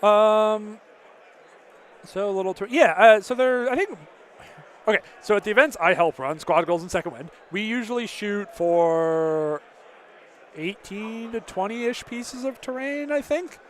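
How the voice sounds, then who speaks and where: Chatty high-voiced male stream commentator. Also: animated, a little slow. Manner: chatty, answers chat questions, frequent fillers. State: slightly losing his voice. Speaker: tournament commentator. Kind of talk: casual live-stream commentary.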